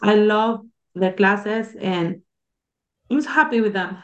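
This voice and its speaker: Slow, hesitant Mexican woman in her forties. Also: medium pitch. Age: 40s. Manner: slow, hesitant, non-native phrasing. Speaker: interviewee, ESL student. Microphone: video call. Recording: dull lo-fi call audio.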